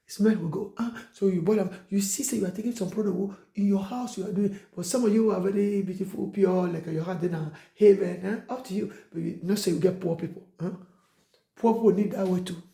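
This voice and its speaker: A man preaching an exhortation sermon, emphatic and repetitive, with sudden high outbursts. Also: dark tone, roomy sound.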